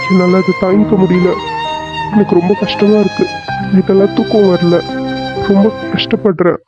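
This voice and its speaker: A lovesick young cartoon guy pours out his heartbreak in a sad, pleading voice, as a man plays him. His voice sits high for a man, and it is recorded dry and a bit dull. Faint music plays underneath. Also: level tone, moderate pace, lightly acted. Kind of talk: cartoon serial voice acting. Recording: slightly dull lo-fi dry audio.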